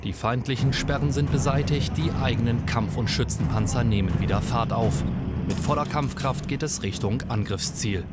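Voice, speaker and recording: A man's voice: mid-range voice, moderate pace. A man reading scripted narration for a military documentary. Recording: voice-over with loud music bed.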